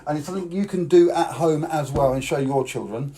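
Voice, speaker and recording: The recording is low quality, capturing a British man with a warm, fairly high voice talking a little fast. As a children's party magician on a live stream, he walks boys and girls through tricks and coaxes them to join in.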